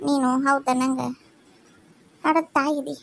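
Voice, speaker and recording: A woman voicing an older village mother-in-law in a cartoon family drama, speaking softly and apologetically with a North Karnataka Kannada accent. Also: high-pitched, little pitch movement, slow pace, creaky, pitched below the performer's own voice, exaggerated voice. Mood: remorseful. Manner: soft, pleading, apologetic.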